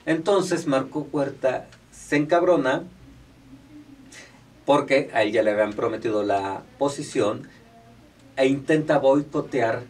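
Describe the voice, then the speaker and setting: A man's voice: mid-range voice, measured pace, long pauses, a little mellow, far from the mic. Man telling political gossip, off-mic. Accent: Mexican Spanish. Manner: joking, storytelling. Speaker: podcast co-host. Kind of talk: casual gossip chat.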